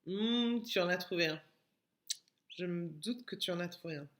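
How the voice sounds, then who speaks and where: A French woman teaching young children in a recorded lesson, speaking gently and stretching out syllables. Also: on the low side. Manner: slow, gentle, drawn-out syllables for small children. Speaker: preschool teacher. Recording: echoey room.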